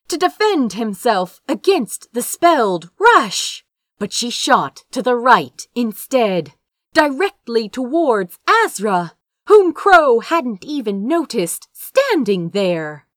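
A woman narrates a fan fiction fantasy story as an audiobook, telling it in a dramatic storytelling style. Her voice is fairly high-pitched, recorded at studio quality with no echo.

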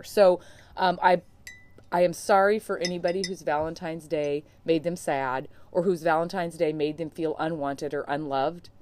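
Low-voiced earnest woman podcast host. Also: a little mellow. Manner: earnest, encouraging, conversational with fillers. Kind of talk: solo podcast monologue.

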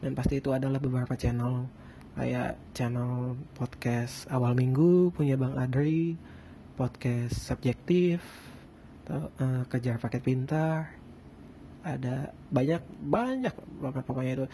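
A man with a relaxed, mellow, mid-pitched voice hosts a casual solo podcast in style. He cannot pronounce a rolled r and rambles along in a slangy, self-deprecating way. Ambient noise sits behind him. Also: measured pace, low-quality recording. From Bandung, Indonesia. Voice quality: lisped, non-rolled r. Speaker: podcast host.

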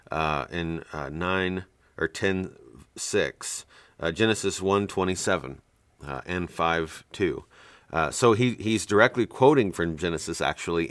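A deep-voiced man teaches from scripture in a blunt, emphatic monologue, full of ums and quick restarts. His voice is very low and sits dry and close, with no room sound around it. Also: fairly bright tone, no echo. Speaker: Bible teacher and show host.

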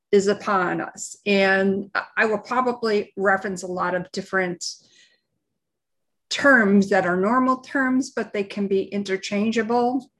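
A woman co-hosting a live podcast, giving unscripted opinions in a halting, deliberate way as she searches for words. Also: medium pitch, fairly bright tone. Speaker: live show and podcast co-host.

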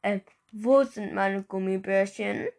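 A woman's voice: medium pitch, takes it slowly, a little mellow. A woman voicing a bossy twelve-year-old boy who snaps accusingly at his little brother, in a read-aloud storybook. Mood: angry. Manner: snapping, accusing.

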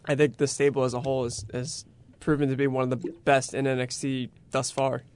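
A man's voice: mid-range voice, level tone, fairly quick, a little mellow, smooth. A man talking casually about sports as a podcast panelist.

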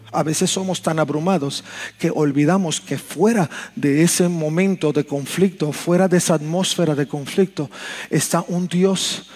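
Man, pastor, sermon, earnest, repeats for emphasis, high-pitched, church. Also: a little mellow.

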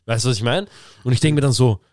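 Recorded dry and clean in a studio, a young man with a medium-pitched voice talks at a quick pace. He co-hosts a podcast, spinning lively, slang-filled stories in casual chat and performing his friends' lines.

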